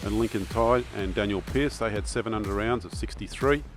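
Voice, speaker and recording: Brisk, low-voiced Australian male golf commentator. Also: over music.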